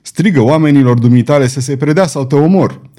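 A man voicing a calm, commanding male swordsman. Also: medium pitch, natural voice. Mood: threatening. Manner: curt, commanding orders.

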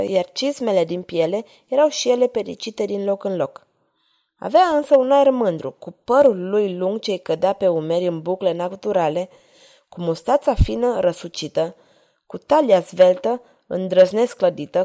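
A woman narrating a historical novel in an expressive, measured reading. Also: mid-range voice. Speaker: audiobook narrator.

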